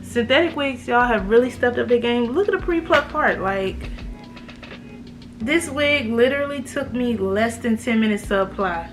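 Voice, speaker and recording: A woman's voice: fairly high pitch, expressive, moderate pace, soft background music. An American woman with a slight lisp from braces, giving a casual, slangy, emphatic review to camera as a beauty vlogger.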